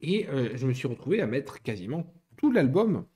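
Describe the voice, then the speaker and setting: A man's voice: mid-range voice, very animated, normal speed, mellow. Chatty man rambling over a Lego build. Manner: rambling, self-correcting, chatty. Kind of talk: casual chat while building.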